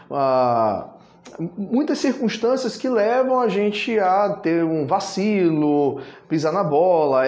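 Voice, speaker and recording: A man's voice: on the high side, a little mellow, echoey room. A Brazilian man teaching a grammar lesson, affectionately calling his students "my loves" and drawing out filler sounds. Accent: Brazilian Portuguese.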